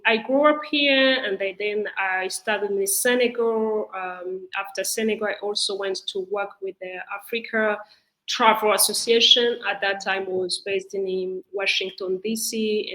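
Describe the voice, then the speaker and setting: A woman's voice: medium pitch, a bit bright, poor audio. Rwandan woman speaking earnestly on a call. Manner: earnest, halting with "uh" fillers. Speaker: travel company founder, guest. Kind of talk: video call interview. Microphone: video call.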